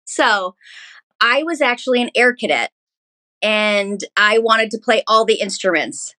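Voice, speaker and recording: A woman from Canada with a fairly high voice tells her story as an interview guest. Her delivery is casual and chatty, like an animated storyteller. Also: a little slow. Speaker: guest, musical theatre performer and content creator.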